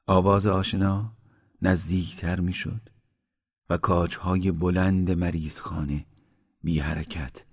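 A man with a very low, deep voice reads a literary story aloud. His narration is slow and measured, dropping quieter in the darker passages. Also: flat delivery, slightly rough. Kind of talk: storybook reading.

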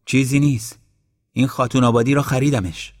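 A man's voice: medium pitch, fairly even intonation, voice pushed up, lightly acted. A man voicing a stubborn, kindhearted young man in a storybook reading. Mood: pleading. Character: stubborn kindhearted young man who keeps an old dog.

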